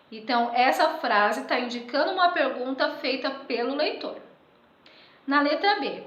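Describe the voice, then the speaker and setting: High-voiced woman teaching a lesson. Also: roomy sound, poor audio. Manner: patient, checks in often with "tudo bem?"; reads example sentences aloud with lively expression. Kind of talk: remote school lesson going through exercises.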